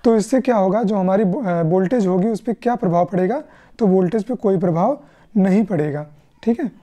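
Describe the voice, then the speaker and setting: An electrician exam tutor with an Indian accent explains exam questions step by step in a question-and-answer lesson, often checking in with short tag questions. Her mid-range voice is warm and her pace brisk.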